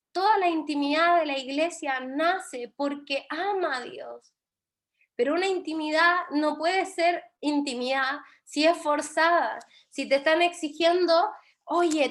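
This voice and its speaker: High-voiced Chilean woman teaching earnestly. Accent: Chilean Spanish. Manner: earnest, emotional retelling with many restarts. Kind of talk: online Bible class.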